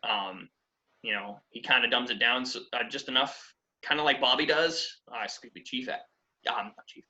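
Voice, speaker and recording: A man from New England hosting a casual podcast chat, swearing freely and acting out quotes in raised voices. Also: lo-fi sound. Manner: swearing, animated, acts out quotes in high voices. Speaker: podcast host.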